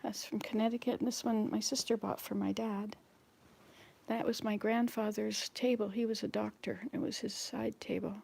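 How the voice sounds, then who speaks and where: A woman's voice: mid-range voice, little pitch movement, normal speed, vocal fry, darkish tone, slightly rough. A woman in her sixties chatting casually to viewers while she cleans her house, rambling from one chore to the next. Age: 60s. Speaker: vlogger. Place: home indoors.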